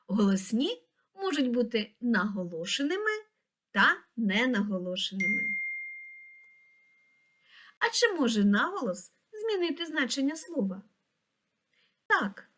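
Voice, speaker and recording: A woman reading a scripted lesson for young children, pronouncing each word slowly and clearly. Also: on the high side, a bit bright. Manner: slow, clear, pronouncing words syllable by syllable. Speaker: teacher.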